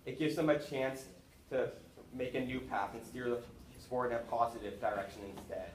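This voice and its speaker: A young male student gives an earnest, prepared speech to his classmates in a school hall, restarting a little now and then. His voice is medium in pitch and moderate in pace, and the room sounds echoey with faint noise.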